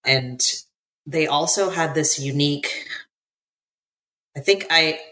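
In a relaxed interview conversation, a woman from the United States talks slowly in a low, sharp-toned voice. She's chatty, leans on lots of filler words, and laughs easily.

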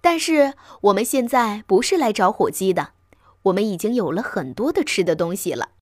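A woman voicing a sly, calm father fox who speaks gently in a lowered voice. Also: normal speed, no room sound, clean studio sound, natural voice. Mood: hushed.

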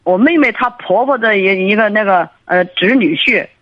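A woman's voice: medium pitch, no echo. Female radio caller: hesitant rambler over a dull, lo-fi phone line, voice dry and close. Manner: halting, rambling, many restarts and fillers. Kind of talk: call-in radio conversation. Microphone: telephone.

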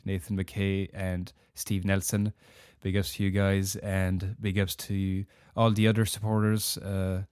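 A man's voice: low voice, darkish tone, smooth, no echo, clean studio sound. A man hosting a podcast, talking casually with many filler words, getting over a heavy cold. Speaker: podcast host.

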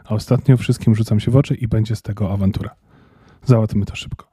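A man voicing a small cheeky male Christmas elf in a storybook reading, brisk and chummy. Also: on the low side, steady tone, warm tone, slightly rough, no echo, studio quality. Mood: grumbling.

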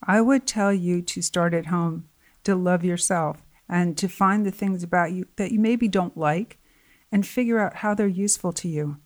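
A middle-aged woman, guesting as a life coach, speaks earnestly in a conversational interview at a normal speed, growing animated when she quotes others. Her fairly low voice is getting tired.

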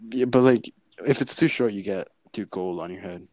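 A man's voice: on the low side, moderate pace, darkish tone, no room sound. A teenage boy chatting on a video call from home, giggly and rambling, sometimes dropping to a whisper. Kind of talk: casual chat. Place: at home, indoors.

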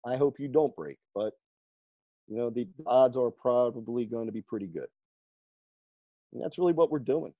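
A man who coaches firefighters on fitness, telling stories in an interview, lively and laughing often as he acts out the people he quotes. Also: mid-range voice, moderate pace, long pauses, no room sound, lo-fi sound. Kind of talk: storytelling in a conversational interview.

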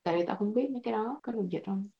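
A woman's voice: mid-range voice, racing, vocal fry, highs cut off. Chatty woman co-hosting a book podcast. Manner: chatty, many fillers and English words. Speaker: podcast co-host. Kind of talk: casual book chat. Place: lives in the US.

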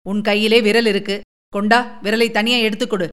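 A woman's voice: medium pitch, little pitch movement, a little fast, fairly bright tone, smooth, natural voice. A woman reading a story aloud and voicing a short-tempered young man in her own voice, curt and brusque.

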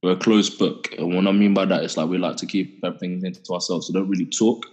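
A young Englishman in his twenties speaks with a deep, husky voice and an English accent. He talks colloquially, in a reflective podcast style. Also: fairly even intonation, quick pace, darkish tone. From England. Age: 20s. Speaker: podcast panellist. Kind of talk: casual reflective podcast chat.

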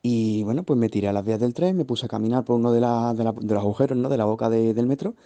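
Man, very dark timbre, rambling storyteller, guest. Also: mid-range voice, fast. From Seville, Spain. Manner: vivid, meandering retelling with asides. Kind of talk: personal storytelling.

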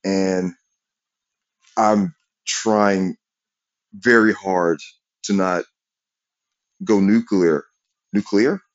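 A man's voice: deep voice, fairly even intonation, drawn-out words, pauses often, highs cut off. A man telling a rambling, profane story about work in a casual rant.

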